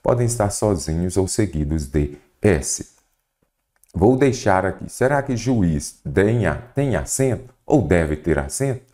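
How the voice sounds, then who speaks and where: A man's voice: sits low, a little slow. A man with a Brazilian Portuguese accent teaching an exam prep grammar lesson, explaining step by step and asking the viewer questions. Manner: didactic, questioning the viewer, lively emphasis.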